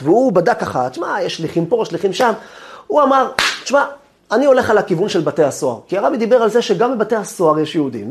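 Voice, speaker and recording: A man, a rabbi, giving a lesson as an animated, dramatic storyteller. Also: high voice.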